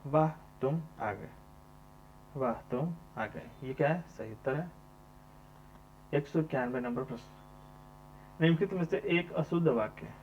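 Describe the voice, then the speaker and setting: A man teacher going through exam questions one by one, repeating each question number and then answering it himself. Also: a little high. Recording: dull lo-fi sound with mains hum.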